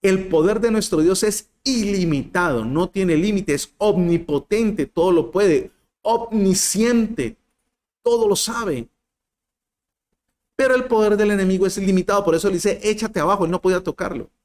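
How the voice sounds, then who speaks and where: A man preaching a sermon to a group, asking them questions and swinging between loud emphatic lines and soft low ones. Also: normal speed. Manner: addresses listeners directly, asks rhetorical questions.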